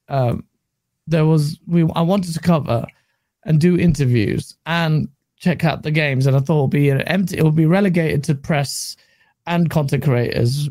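A man's voice: a little high, a little mellow, no echo. A man as a podcast guest, laughing often and stumbling over his words in casual chat. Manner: laughs often, stammers and restarts.

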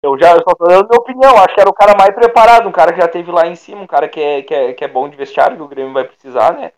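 A man giving his opinions in a casual football debate, halting and restarting often. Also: high-pitched. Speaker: football pundit.

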